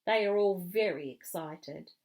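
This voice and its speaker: A woman reading a children's book aloud with clear, expressive storytelling. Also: fairly low pitch, measured pace. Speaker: reader.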